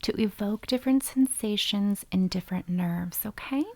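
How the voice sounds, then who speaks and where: ASMR role-play, creaky-voiced woman as foot doctor. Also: medium pitch, moderate pace, dry recording. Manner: soft-spoken, gentle, methodical, explanatory. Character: calm, gentle foot doctor examining a patient.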